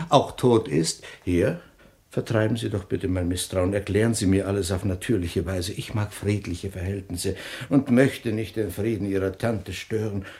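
A male actor with a lowish voice fully inhabits a wry detective in a 1960s radio crime play, polite on the surface but deceptive. He probes quietly, sounding husky, hesitant and insinuating.

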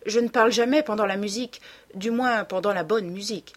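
A woman's voice: medium pitch, brisk, close to an everyday voice. A woman reading an audiobook and voicing a shy, earnest young man in love.

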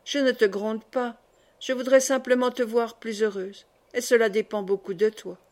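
An earnest young man, tender and grave with the girl he loves, read by a woman narrating a classic novel. His voice sits fairly high and the delivery stays close to an audiobook reader's own voice. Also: fairly even intonation, moderate pace, darkish tone, lightly acted. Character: earnest young male worker, idealistic lover.

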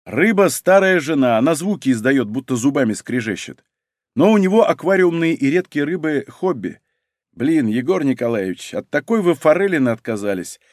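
A man's voice: on the high side, very animated, normal speed, no echo, clean studio sound. A man reading aloud, voicing a young male detective who complains and grumbles. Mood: grumbling.

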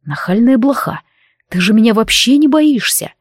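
A woman voicing a brooding, gruff male warrior who speaks in a dry, mocking way, in an audiobook. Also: a little high, expressive, normal speed, dry recording. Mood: teasing, gruff.

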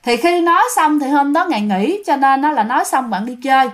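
A woman's voice: sits high, expressive, brisk. A woman telling a ghost story in a casual, chatty way, often speaking straight to her listeners. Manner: chatty, addresses listeners directly.

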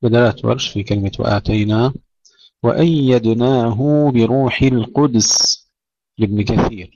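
A man teaching tajweed, reciting verse fragments slowly and then explaining the rules briskly. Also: lowish voice, gravelly, a little mellow, slightly rough, no echo. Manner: alternates slow drawn-out recitation with brisk explanation. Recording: dry, muffled lo-fi recording.

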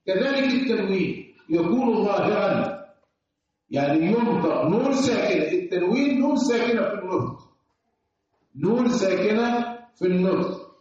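A man's voice: high voice, expressive, moderate pace, darkish tone. A man with an Egyptian accent teaching Quran recitation rules to a class, asking questions and chanting examples. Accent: Egyptian Arabic. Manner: sing-song explaining, asks class questions. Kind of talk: classroom lecture. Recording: echoey room, distant dull mic.

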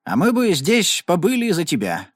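A man's voice: sits high, wildly swooping pitch, moderate pace, no room sound, clean studio sound, voice pushed up, exaggerated voice. A man voicing a friendly, easygoing cowhand in a Western storybook.

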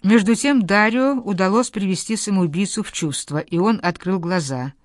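A woman reading an audiobook narration in an even, measured way. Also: medium pitch, no room sound, studio quality. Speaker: audiobook reader.

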